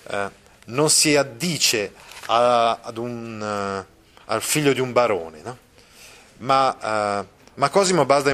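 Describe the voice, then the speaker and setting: A man giving a literature lesson, reading passages aloud and explaining them patiently, with many drawn-out fillers. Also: medium pitch, a bit bright. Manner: explains patiently, checks in with listeners. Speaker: literature teacher.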